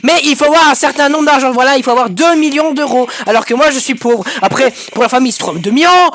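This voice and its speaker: A man giving excitable, crude let's-play commentary as a gaming YouTuber, breaking into sudden shouted outbursts. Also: very high-pitched, fast.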